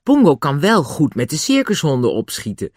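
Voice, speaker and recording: Young circus boy, voiced by a reader, friendly, high lively calls, dry sound. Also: moderate pace, husky, dry recording. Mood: coaxing.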